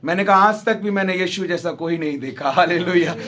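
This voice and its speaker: A man preaching a sermon in Punjab Hindi, telling a personal story and acting out the dialogue, dropping to hushed tones at emotional moments. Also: sits high, fairly quick. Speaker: pastor. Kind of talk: sermon testimony. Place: large prayer gathering.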